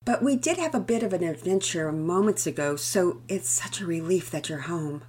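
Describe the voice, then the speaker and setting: A woman voicing a gentle, patient mother who speaks in a soft, polite, measured way. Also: lowish voice, lively intonation, slight background noise, close to an everyday voice. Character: gentle, patient mother, calm under pressure.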